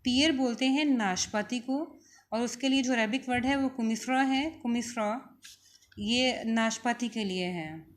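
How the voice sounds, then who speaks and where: A woman with a Pakistani Urdu accent teaching a vocabulary lesson, repeating each word slowly for her students. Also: a little high.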